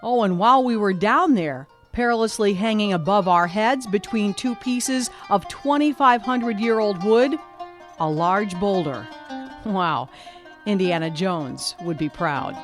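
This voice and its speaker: A woman reporter giving a scripted documentary narration, measured and vivid. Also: medium pitch, soft background music.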